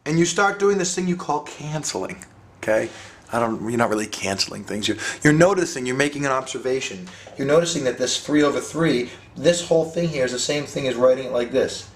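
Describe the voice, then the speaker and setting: A man's voice: medium pitch, animated, a little fast, slight background noise. A man teaching a casual math lesson, playful and jokey, thinking aloud with rhetorical questions and ums. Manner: playful, jokey, talks to students as dudes.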